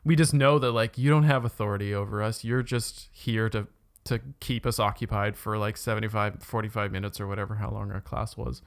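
A man's voice: lowish voice, steady tone, brisk, few pauses. A man from Canada chatting casually about school, full of filler words and blunt swearing. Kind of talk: casual chat.

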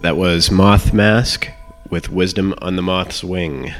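A man presents a show in a very low, croaky voice, hoarse from being ill. He moves between scripted narration and casual announcements, hesitant and unhurried. Music plays behind him. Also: fairly even intonation, fairly bright tone. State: hoarse from illness. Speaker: show host.

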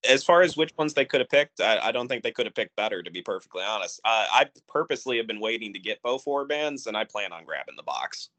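A man co-hosting a gaming podcast, chatting casually, animated and trailing off at times. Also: fairly low pitch, quick pace, few pauses. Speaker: podcast co-host. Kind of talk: casual chat.

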